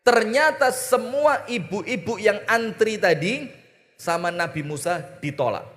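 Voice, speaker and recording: A man's voice: sits high, lively intonation, a little slow, fairly bright tone. A man with an East Javanese accent preaching a humorous sermon, teasing his audience and mimicking voices. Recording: reverberant hall.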